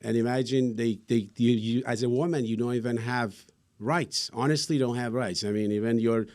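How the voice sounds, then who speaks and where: A man's voice: mid-range voice, fairly even intonation, moderate pace, darkish tone. A middle-aged man from Iran with an Iranian accent, answering interview questions earnestly and rambling with many fillers. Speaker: guest.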